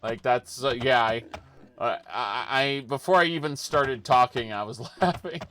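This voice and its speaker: A man's voice: medium pitch, a little slow, sharp tone, faint music behind. A man giving casual, rambling commentary over a role-playing game, with many fillers, restarts and laughs at his own jokes. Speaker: let's play host.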